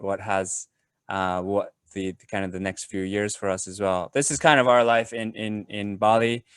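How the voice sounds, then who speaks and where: A man giving a casual webinar talk on a video call, pausing often with fillers and restarts. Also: on the low side, clean tone, no echo, studio quality. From Japan. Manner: hesitant, many fillers and restarts. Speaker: webinar presenter.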